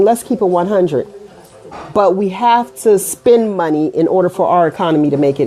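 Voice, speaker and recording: A middle-aged American woman with a mid-range voice hosts an online radio show as a casual livestream. She talks to viewers in an animated, colloquial way, often slipping into asides.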